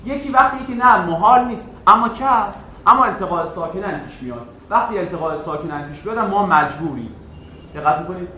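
A man teaching Arabic grammar in a classroom lecture, quizzing his students and answering himself, drawing out example words slowly. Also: sits high, animated, bright, forceful tone, slight background noise. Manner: asks the class questions and answers them himself. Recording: echoey room, voice from a distance.

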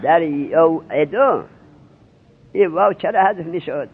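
This seminary grammar class is led by a man whose fairly high voice has a breathy edge. He explains Arabic grammar in Persian, questioning and drilling his students, and the narrowband recording sounds tinny and lo-fi.

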